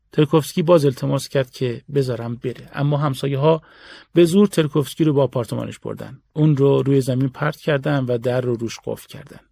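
A man reading a story aloud in a steady, measured audiobook narration. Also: medium pitch, gravelly, no echo.

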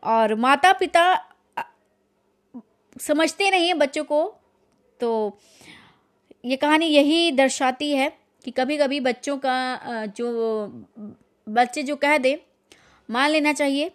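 A woman's voice: sits high, slow pace, long pauses. A woman reading a literary short story aloud, then talking it over in her own words with some hesitation. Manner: reads dramatically, then comments with fillers.

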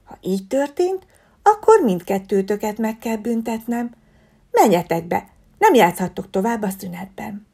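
A woman voicing a kind, warm-hearted owl schoolteacher who speaks in a gentle, coaxing way. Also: medium pitch, sing-song, vocal fry, slightly rough, heavily acted. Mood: kindly.

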